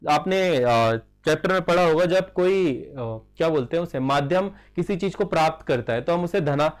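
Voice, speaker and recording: A man teaching a chemistry class, who asks questions and answers them himself, repeats key terms and slips in English phrases. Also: high voice. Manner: dictates slowly while writing. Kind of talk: classroom lecture.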